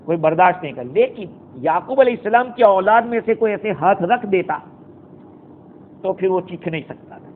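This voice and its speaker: A man recites Arabic verses and then unpacks them in a storytelling lecture. His voice sits high, and the recording is thin and phone-like with a faint hiss. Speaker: Islamic scholar giving Quran commentary. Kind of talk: Quran exegesis lecture.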